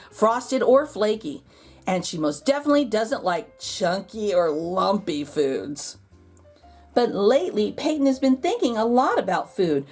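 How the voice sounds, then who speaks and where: Reading a children's storybook aloud, this host stretches out key words to emphasize them and keeps her delivery expressive. Her voice is mid-range with a darkish tone.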